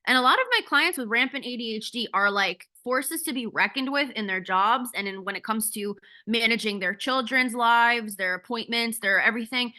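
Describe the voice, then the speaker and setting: A woman coaching a group over a video call, speaking candidly and bluntly with the odd casual curse. Her voice sits a little high and sounds bright and forceful. It comes through a video-call mic. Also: moderate pace, few pauses. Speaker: ADHD coach.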